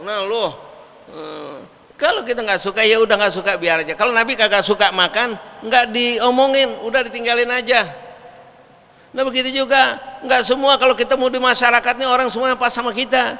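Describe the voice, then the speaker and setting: A male preacher giving a lively, colloquial sermon in a mosque. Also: very high voice. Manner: lively storytelling, colloquial asides. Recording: echoey mosque hall.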